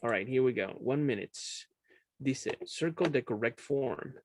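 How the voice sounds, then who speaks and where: A man's voice: medium pitch, lively intonation, slow pace, darkish tone, slight background noise. A man teaching a class over a video call, explaining patiently, often checking understanding and switching between two languages. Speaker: English teacher.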